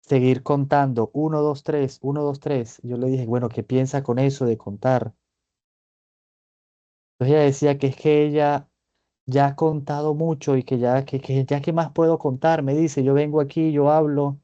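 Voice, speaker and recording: A man presenting a clinical case in a seminar, talking it through in a measured, reflective way and often checking in with his listeners. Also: medium pitch, fairly even intonation, mellow, no room sound, dull audio. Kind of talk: seminar lecture, thinking aloud. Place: online meeting.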